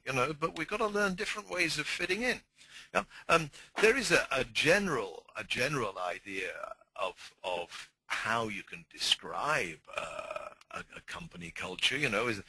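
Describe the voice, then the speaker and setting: A man with a low but bright, forceful voice and a slightly husky grain explains workplace ideas as a communication trainer. He talks conversationally through his slides, often repeating words while he finds the phrase. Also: dry recording, rough recording.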